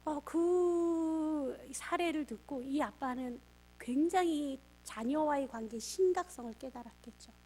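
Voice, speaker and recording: High-pitched middle-aged woman pastor lecturing parents, tells stories and does all the voices in the dialogue. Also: unhurried. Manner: lively storyteller acting out quoted family dialogue. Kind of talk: storytelling lecture for parents and teachers.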